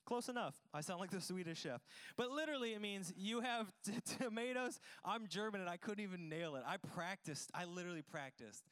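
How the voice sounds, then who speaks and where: During a church service, a pastor preaches to the congregation in a relaxed, jokey way, poking fun at himself. His high-pitched voice is clear, resonant, and a bit bright, with lively intonation and a fairly quick pace.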